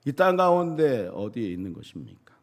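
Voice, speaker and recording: A man's voice: medium pitch, sing-song, a little fast. A grieving father pleads with God for an answer, as a preacher voices him. His voice sits in an ordinary middle register and moves up and down freely. The delivery stays close to the reader's own speaking voice. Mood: anguished. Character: grieving man crying out to God.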